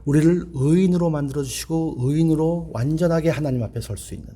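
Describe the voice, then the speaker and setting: A man's voice: on the high side, fast talker, warm tone. A middle-aged male pastor preaching a revival sermon in a church, telling a story earnestly and acting out the dialogue.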